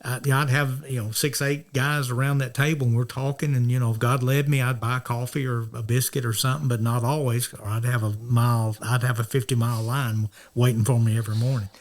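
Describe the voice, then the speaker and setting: A man's voice: mid-range voice, level tone, brisk, few pauses. A middle-aged man from North Georgia, a minister telling stories in a rambling way, often restarting and acting out the dialogue. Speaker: minister, interview guest. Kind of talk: casual storytelling.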